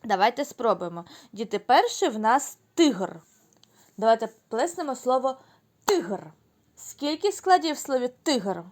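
A woman teacher leading a lesson for young children, speaking slowly and clearly, drawing words out syllable by syllable and praising the class. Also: on the high side, big pitch swings, darkish tone. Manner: praising, answering her own questions.

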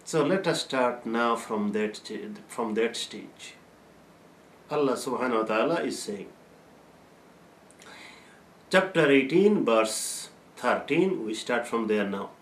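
A mid-range, animated voice belongs to an older Islamic teacher who slowly explains Quran verses, breaking into chanted Arabic recitation between them. The lesson takes place in an echoing plain room with a bare wall.

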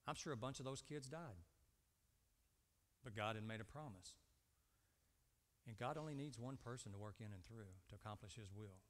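Here the fifty-something preacher's voice runs on the low side, at normal speed but broken by long pauses. Standing at a lectern on the church stage, he keeps repeating points and answers his own brief questions to the congregation, all in an echoing hall.

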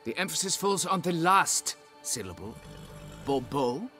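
A pompous, haughty nobleman in a fantasy role-playing game, who looks down on the hired help and fusses over his title. His voice sits mid-range but swoops about with theatrical, lively pitch. Faint music plays behind him. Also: normal speed. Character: pompous snobbish middle-aged male nobleman, vineyard owner. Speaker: client hiring a witcher.

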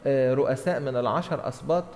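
A man's voice: mid-range voice, racing, a little mellow. A middle-aged man with an Egyptian Arabic accent, a priest preaching an explanatory Bible lesson conversationally from a church lectern. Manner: conversational, acts out dialogue, repeats short phrases for emphasis. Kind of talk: Bible teaching sermon, explanatory. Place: large church interior at a lectern. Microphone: gooseneck lectern microphone. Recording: reverberant church hall.

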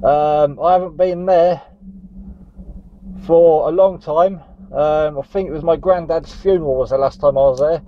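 A CB radio operator from Northumberland, England, makes friendly, casual contact chat full of radio jargon. His voice is on the high side, steady and at normal speed, with slight background noise and dull, muffled radio audio.

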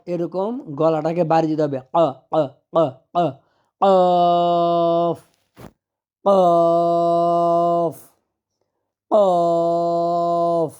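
A man gives a slow, patient pronunciation lesson and stretches each letter sound out at length. His voice sits a little high and sounds smooth and clear. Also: mellow, muffled recording. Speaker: madrasa teacher.

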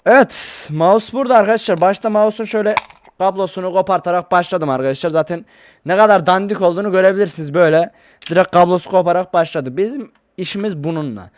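A man talking casually to his viewers in a vlog, rambling and excitable, into a desk microphone. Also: sits high, fast talker, slight background noise. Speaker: YouTuber. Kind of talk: casual vlog talk to camera.

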